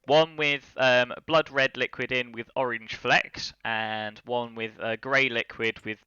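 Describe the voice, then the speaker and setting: A man's voice: mid-range voice, fairly even intonation, measured pace, bright, forceful tone, smooth, no room sound, dull audio. A man narrating as game master, rambling with many fillers and lookups.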